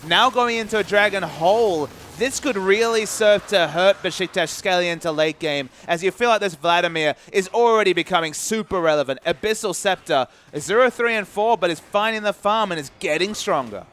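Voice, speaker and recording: A man commentating an esports match, analytical and measured in his play-by-play. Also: high voice, a bit bright.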